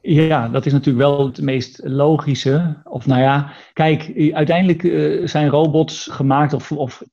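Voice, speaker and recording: Male interview guest, dark gravelly voice, thoughtful and halting, muffled recording. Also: fairly high pitch, steady tone. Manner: thoughtful, hesitant with many fillers and restarts. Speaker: guest, artist and robot researcher. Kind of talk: conversational interview.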